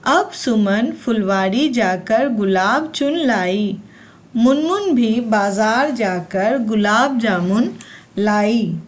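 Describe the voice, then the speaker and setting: Slow, patient woman teaching young kids. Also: mid-range voice. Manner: repeats lines and asks then answers her own questions. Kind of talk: slow read-aloud lesson for young children.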